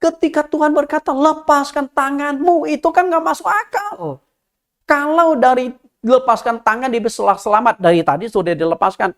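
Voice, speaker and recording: A man's voice: high-pitched, a bit bright. A male pastor preaching a sermon at a church service, telling a story with dramatic swings in his voice.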